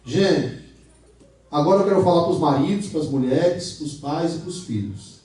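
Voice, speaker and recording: A man preaching a sermon as pastor, animated and jokey, acting out the dialogue in a raised voice. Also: on the high side, measured pace. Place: large church hall. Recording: echoey church hall, mic at a distance.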